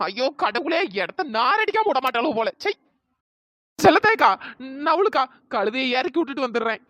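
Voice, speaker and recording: A woman's voice: sing-song, normal speed, a bit bright, dry recording. A woman voicing a bossy village girl in a cartoon, scolding and ordering the others around. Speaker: cartoon storyteller. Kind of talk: cartoon voice acting. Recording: dry close pitched-up voice.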